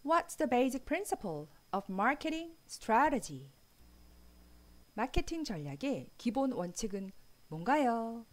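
A woman teaching English vocabulary, reading example sentences slowly and clearly. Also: a little high, very animated. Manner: slow, carefully enunciated example sentences. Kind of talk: language lesson. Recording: faint background music.

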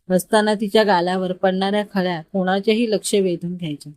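Calm woman story narrator, dry sound. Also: medium pitch, no echo.

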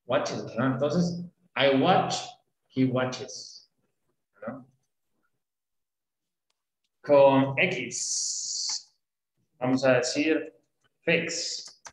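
A man's voice: medium pitch, extremely slow, long pauses, roomy sound, poor audio. A man teaching an online English class, explaining patiently and often checking that students follow. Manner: patient, often checks understanding with tag questions.

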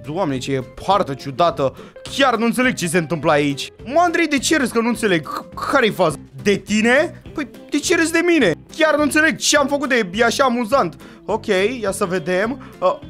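Young male gaming YouTuber, lively swooping voice, excitable, faint background music. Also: extremely high pitch. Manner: animated, talks to viewers, jumps from hushed to loud. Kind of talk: excited gameplay commentary.

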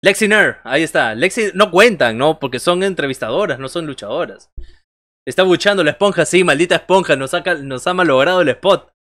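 A man in his thirties does casual wrestling commentary on a livestream from a small indoor bedroom, joking and chatting with viewers, reacting to chat and calling moves. His voice is a little high, animated, and fairly quick, with a fairly bright tone and no echo.

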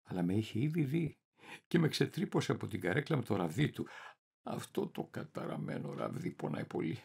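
A man performing a theatrical reading as a deluded, paranoid middle-aged clerk, swinging wildly between shouting and muttering. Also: fairly low pitch, big pitch swings, vocal fry, husky, full character voice. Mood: conspiratorial. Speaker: reader of a dramatic monologue.

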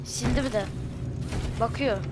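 A woman streaming a game with excitable, chatty commentary and shouted reactions. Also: fairly high pitch, a little slow. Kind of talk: let's-play commentary. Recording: voice over loud game music.

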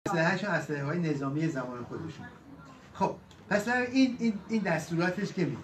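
A man with a fairly high voice leads a lesson on epic poetry, chanting the verses with force and then explaining them in loose everyday talk. His voice carries around an echoey room with a faint hiss of noise behind it. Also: animated. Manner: recites verse in a raised, declaiming voice, then explains in casual colloquial speech. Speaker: teacher of Persian epic poetry. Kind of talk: lively lecture reciting and paraphrasing verse. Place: community center hall.

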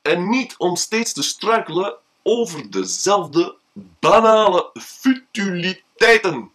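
Theatrical man, slow and lively. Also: sits high, rough recording. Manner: theatrical, drawn-out, dramatic pauses. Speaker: storyteller. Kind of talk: told anecdote with a moral.

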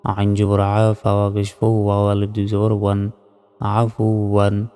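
A man patiently spells out Arabic syllables one by one, then chants each word whole. His voice is dark, mellow and smooth. It sounds like a long-reverb hall, with faint music underneath. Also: on the low side, monotone, moderate pace. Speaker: Quran reading teacher. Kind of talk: slow letter-by-letter Quran spelling lesson.

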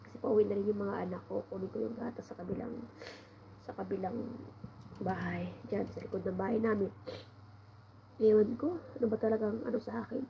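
A woman's voice: medium pitch, steady tone, fairly quick, gravelly, long pauses, dull audio, a little hiss or hum. A woman with a cold-congested voice tells a rambling, casual story at home, sighing often as she complains. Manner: meandering, with frequent sighs of complaint. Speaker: vlogger.

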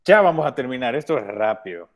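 A man's voice: medium pitch, big pitch swings, fast talker. Male teacher for a kids' English lesson, patient and repetitive. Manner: patient, repeats words often. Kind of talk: online class instruction.

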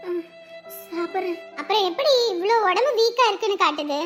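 A woman voicing a kind young doctor in a cartoon drama, gentle and reassuring. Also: extremely high pitch, lively intonation, fairly quick, over music. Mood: calm. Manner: gentle, soothing.

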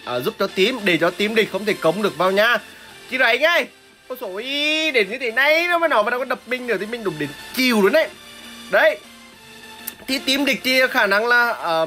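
A woman's voice: medium pitch, a bit bright. A woman giving live gameplay commentary, explaining her strategy and crying out and repeating words during fights. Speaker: gameplay streamer.

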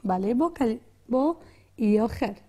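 A woman with an Afghan Dari accent leads a patient literacy lesson, slowly sounding out and repeating words. Her voice sits high in pitch but has a dark, mellow tone. She pauses often with soft hesitation sounds. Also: lively intonation. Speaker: literacy teacher. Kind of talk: classroom lesson.

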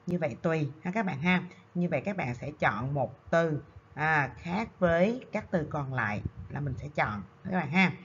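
A woman's voice: sits low, expressive, moderate pace, muffled recording, a little hiss or hum. A woman teacher from Vietnam giving a recorded revision lesson, explaining step by step with frequent hesitation fillers. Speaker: secondary school English teacher.

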